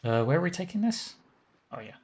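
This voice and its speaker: Husky-voiced man streaming a game. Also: high voice, very animated, fairly quick. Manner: rambling, wry, chuckling asides. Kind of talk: casual live-stream commentary.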